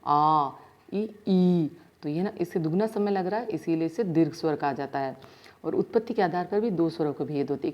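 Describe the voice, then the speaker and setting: A woman's voice: deep voice, warm tone. A woman school teacher, giving a grammar lesson and sounding out letters one by one. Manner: explains step by step, sounds out letters slowly. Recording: dull lo-fi sound.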